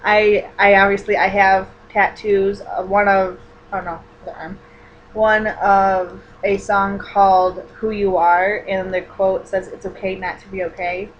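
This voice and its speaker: A woman's voice: medium pitch, flat delivery, a little slow, muffled recording, a little hiss or hum. A woman in her twenties chatting casually in a vlog, rambling with many fillers and restarts as she answers personal questions. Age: 20s. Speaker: vlogger.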